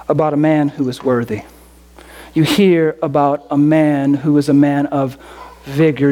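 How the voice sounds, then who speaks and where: Slow, emphatic woman preacher. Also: low-pitched, warm tone. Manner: slow, emphatic, repeating phrases, rhetorical questions. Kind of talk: sermon.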